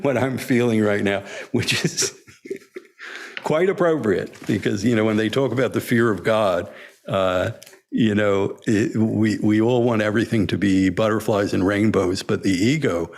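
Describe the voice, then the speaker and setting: An older man, a senior disciple, reminiscing in a storytelling talk, halting with many fillers and frequent chuckles. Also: lowish voice, creaky. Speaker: senior disciple telling stories.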